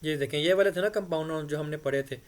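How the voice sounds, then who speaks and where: A man's voice: on the high side, fast talker. Patient male grammar teacher at a board. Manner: patient, repeats "ठीक है" often. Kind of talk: explanatory board lesson.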